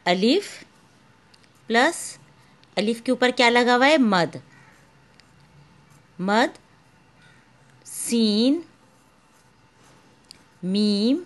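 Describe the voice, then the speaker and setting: A woman school teacher giving a patient lesson, spelling out letters one by one and calling her pupils "beta". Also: fairly high pitch. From Pakistan. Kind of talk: slow, patient classroom instruction.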